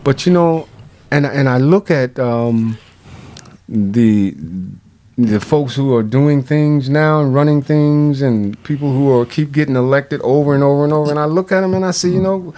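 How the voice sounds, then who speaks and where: Here a medium-pitched man is guesting on a radio talk show. His speech wanders and stalls with fillers and false starts, punctuated by abrupt, animated emphasis.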